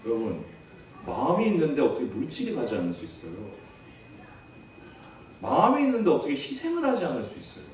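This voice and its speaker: A man's voice: fairly high pitch, huge pitch swings, brisk, long pauses, a little hiss or hum. A man in his thirties preaching a sermon as pastor, earnest and storytelling, asking the congregation rhetorical questions. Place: church sanctuary. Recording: echoey church hall from far off.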